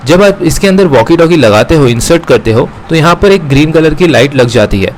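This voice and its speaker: A gadget review channel host with an Indian accent presents an unboxing and review to viewers, going step by step and slipping into English phrases. His voice is a little high and expressive, fairly quick. The recording is rough, with slight background noise.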